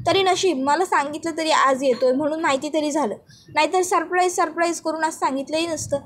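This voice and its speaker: A woman's voice: sits high, fairly quick, a bit bright. A woman voicing an impatient young wife who complains about her late husband, in a sulky tone. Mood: complaining.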